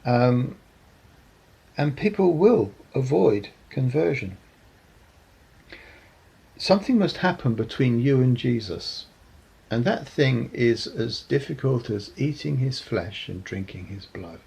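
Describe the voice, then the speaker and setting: A man giving a reflective sermon talk, measured and earnest, often pausing with ums. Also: mid-range voice, expressive, creaky, a little mellow, slightly rough, poor audio. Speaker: preacher.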